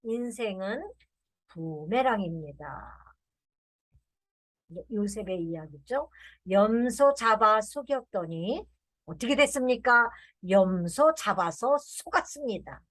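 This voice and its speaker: A woman preaching a sermon, telling folksy stories with acted-out voices and slowly drawn-out refrains. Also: medium pitch. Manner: animated storytelling, acts out quoted lines.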